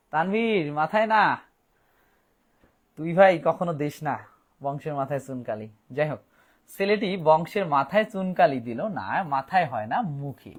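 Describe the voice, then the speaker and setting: A man leads an online Bangla grammar lesson. His voice sits a little high for a man. He slows right down to spell words letter by letter and fills gaps with hesitations and restarts. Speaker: Bangla teacher.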